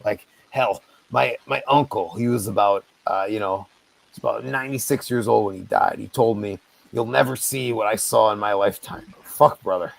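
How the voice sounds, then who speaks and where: A man in his twenties from the US East Coast, intoxicated, chatting casually and candidly in a low, gravelly, older-sounding voice, dry and calm, with plenty of swearing. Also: normal speed, dry recording, poor audio. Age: 20s. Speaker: guest caller on a livestream chat.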